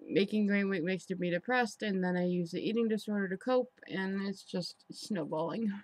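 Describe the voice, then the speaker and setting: A woman giving a candid, rambling confessional vlog, sounding frustrated and halting as she talks indoors. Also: mid-range voice, a little mellow, no room sound. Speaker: personal vlogger. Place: indoors in an apartment.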